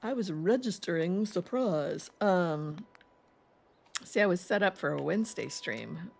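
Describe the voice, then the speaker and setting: A woman's voice: lowish voice, lively intonation, unhurried, creaky, a little hiss or hum. A woman with an East Coast accent, streaming a game and chatting in a rambling, laughing way while reading chat aloud. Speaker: gaming streamer. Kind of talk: casual let's-play chat.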